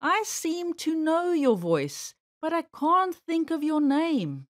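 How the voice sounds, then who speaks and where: Woman acting elderly gentleman rabbit, storybook, polite, old-fashioned, eager and trusting, highish animated pitch, dry sound. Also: slow pace, no echo, full character voice. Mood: musing, trusting. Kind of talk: children's storybook character voice.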